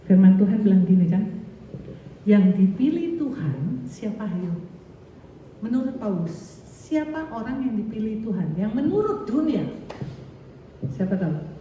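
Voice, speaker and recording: A woman's voice: medium pitch, animated, measured pace, pauses often, a little hiss or hum. A woman pastor giving a chatty sermon full of stories and quoted voices. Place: church hall. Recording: echoey hall from far off, dull.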